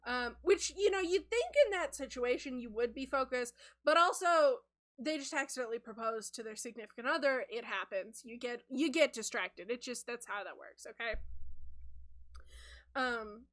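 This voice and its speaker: A woman's voice: a little high, normal speed, fairly bright tone. A woman improvising a cartoon story as host, rambling casually with lots of fillers.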